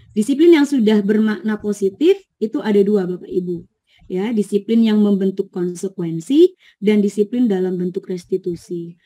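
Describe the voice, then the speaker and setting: A woman's voice: mid-range voice, warm tone. A woman presenting an online teacher training, explaining patiently and reading out participants' answers, in her speech.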